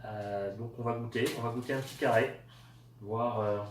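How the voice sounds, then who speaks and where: A man's voice: medium pitch, fairly even intonation, normal speed, slight background noise. Hesitant Frenchman in an echoey room. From France. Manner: hesitant, many fillers. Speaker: product tester. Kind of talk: casual product review. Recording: echoey room, voice a bit far from the mic.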